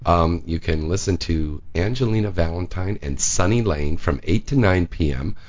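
A man hosting a casual radio talk show, excitable and profane. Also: low voice, normal speed, dull audio.

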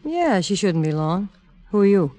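A woman's voice: mid-range voice, very animated, moderate pace, dark tone, dry recording, lightly acted. A woman as a sly scheming poisoner. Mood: coy. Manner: coy and sly, then taunting. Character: scheming young woman poisoner, cool and mocking. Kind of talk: 1940s radio drama acting.

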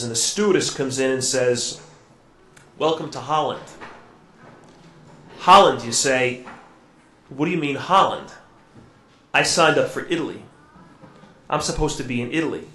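Priest preaching in cathedral echo. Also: male voice, fairly high pitch. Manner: gentle and reflective, with halting fillers in his own words. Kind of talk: Gospel reading and homily at Mass. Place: church during Mass. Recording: echoey church room.

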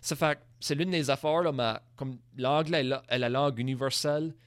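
A man's voice: medium pitch, fairly even intonation, dry recording. Acadian male podcast host, hesitant delivery, dry close recording. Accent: Acadian French. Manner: hesitant, halting, with many restarts. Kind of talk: casual chat.

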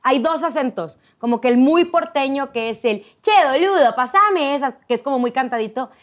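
Woman, 30s, fairly high voice, lively guest storyteller. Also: a little fast. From Monterrey, Mexico. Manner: chatty storyteller, acts out quoted voices. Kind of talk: casual chat.

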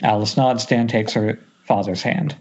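A man with a lowish, fairly even voice reads scripted stage directions a little slowly, serving as narrator at an amateur table read. He's on a Skype call, and the internet audio sounds dull and lo-fi.

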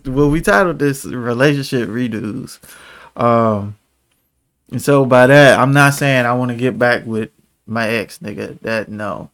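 A tired man with a mid-range, fairly bright voice co-hosts a casual podcast, profane, slangy and teasing, with speech slightly slurred by a grill in his teeth.

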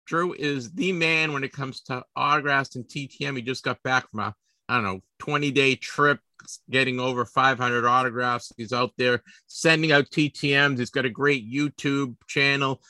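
A man's voice: medium pitch, steady tone, normal speed, sharp tone, no room sound. A man hosting a sports collectibles podcast, chatting casually, rambling and poking fun at himself as he trips over his words. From Boston area, US. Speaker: podcast host.

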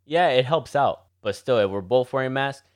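Joking around as a podcast co-host, this man moves back and forth between Spanish and English in a relaxed conversation. He has a Miami Cuban accent and an animated, medium-pitched voice at normal speed.

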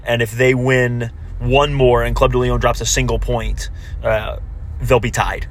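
A man co-hosting a casual soccer recap, correcting himself as he goes, heard on low-quality audio recorded while driving in a car. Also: flat delivery, unhurried, a little hiss or hum. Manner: talks through standings with frequent self-corrections. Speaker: podcast co-host. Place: moving car.

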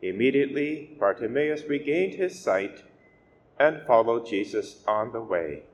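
A male priest reading the gospel and preaching a weekday homily at a steady, measured pace, his voice ringing with a long cathedral echo. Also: mid-range voice. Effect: long cathedral-style echo. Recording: echoey church hall with faint hiss.

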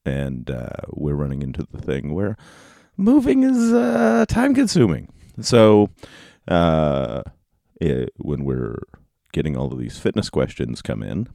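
Male podcast host, very low gravelly voice, informal and rambling, dry close-miked sound. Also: lively intonation, a little slow, few pauses, dark tone, dry recording. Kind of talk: casual solo podcast talk. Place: basement office at home. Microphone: close podcast microphone.

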